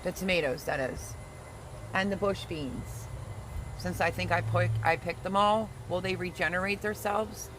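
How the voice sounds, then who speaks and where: Speaking at a measured pace in a middling pitch, this gardening livestreamer jokes around while reading the audience's comments aloud. Constant hiss and the sound of traffic go by beneath the talk.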